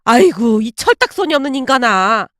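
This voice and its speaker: A woman's voice: fairly high pitch, sing-song, fairly bright tone, dry recording, studio quality. A woman putting on a scolding older mother-in-law. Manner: scolding, then pleading and slow. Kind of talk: storybook drama reading.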